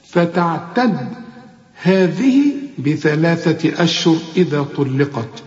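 A high-voiced man with an Egyptian accent teaches Quran recitation, drawing words out and then quickly correcting mistakes. His tone is mellow, and the sound is muffled and lo-fi. A long echo rings behind him, like in a large reverberant room. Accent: Egyptian Arabic. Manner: corrects pupils directly, recites slowly then explains briskly. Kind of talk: tajweed lesson mixing sermon and recitation drills. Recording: echoey, reverberant, dull lo-fi sound.

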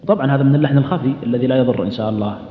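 A man's voice: medium pitch, racing. A man teaching Quranic pronunciation, explaining the rules and demonstrating words aloud, some of them sung. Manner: explanatory, demonstrates words repeatedly, asks rhetorical questions. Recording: echoey, dull lo-fi hall recording.

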